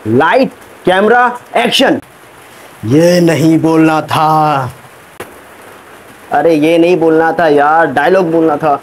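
A man's voice: a little high, slow, pauses often, a little hiss or hum, low-quality recording. A man playing an impatient film director who scolds his actor and calls out the cues for each take. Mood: exasperated. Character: impatient shouting male film director, adult. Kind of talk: comic short film acting.

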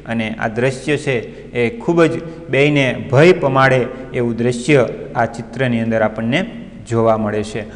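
A man's voice: mid-range voice, measured pace. A male teacher giving an online class, retelling a story and stopping often to explain the meaning of words. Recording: long reverb.

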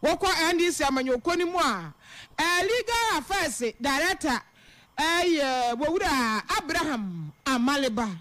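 High-pitched, bright woman news presenter. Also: lively intonation, normal speed, no room sound. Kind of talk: news reading.

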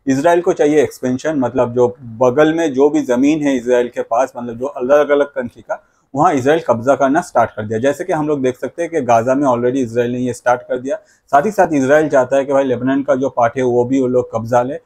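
His mid-range voice is steady and a bit dark, and he speaks slightly quickly. He's a video creator hosting a news explainer to camera from a small, plain indoor room, wearing a lapel mic and leaning on repeated catchphrases sprinkled with English.

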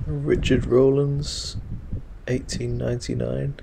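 A man narrating a walking tour of a churchyard in a relaxed way, with frequent ums, recorded outdoors on an action camera. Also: mid-range voice, slow, gravelly. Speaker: walking vlogger. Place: outdoors in a windy rural churchyard. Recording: loud wind noise on the mic. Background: wind.

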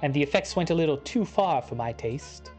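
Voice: medium pitch, animated, a little fast, darkish tone, lightly acted. An actor voicing a smug, scheming video game villain who monologues in a theatrical, condescending way. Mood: pleased, smug. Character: smug scheming villain, animal founder in youthful body. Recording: music under the voice.

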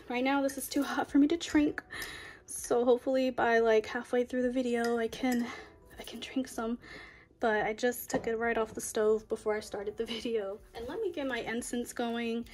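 A woman chatting casually in a vlog, then slowly guiding affirmations in a soft voice. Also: a little high, fairly even intonation. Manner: chatty, rambling with fillers. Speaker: budgeting vlogger. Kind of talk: casual chat and guided affirmations.

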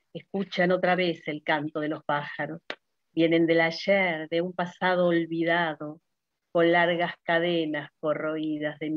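Speaking at an online literary launch, a Uruguayan Spanish-accented poet introduces her work and reads poems in a low voice with no echo. She is heard over a video call, and the audio is dull and lo-fi.

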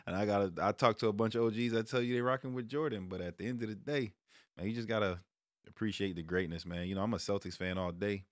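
A fairly low-pitched, fast-talking American man in his thirties chats casually about sports to camera, laid-back and full of slang. He's a streamer and sports vlog host recording indoors in a small room at home, wearing a headset with a close mic on a stand. The sound is dry and clean, studio quality.

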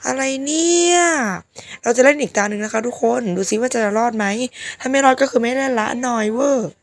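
A woman with a hoarse, sick-sounding voice giving casual game commentary, politely addressing her viewers. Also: a little high, steady tone, quick pace, dry recording. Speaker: gaming video host.

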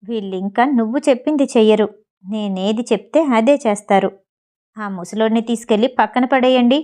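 Brief: a woman doing a sneering older schemer in an audio novel, bossy, with a mellow, fairly high voice. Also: a little fast, natural voice. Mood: threatening. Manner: commanding, sneering. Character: scheming older man, the hero's uncle.

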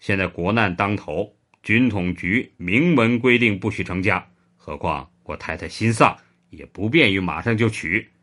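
A man voicing a stern, curt middle-aged spy chief in a low, gruff, clipped voice. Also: moderate pace, a bit bright, lightly acted.

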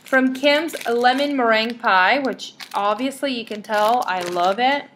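A woman's voice: on the high side, measured pace, a bit bright, a little hiss or hum. A young woman casually chatting to viewers in a rambling, bubbly way while reading out product names one by one. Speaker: vlogger showing wax melts. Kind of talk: casual chatty haul vlog.

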